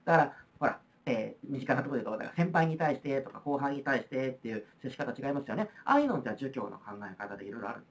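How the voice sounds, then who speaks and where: Talking at breakneck speed with hardly a pause, this Kansai-accented woman delivers a history lesson on video. Her voice is very deep and expressive, and her explanations are conversational and full of fillers.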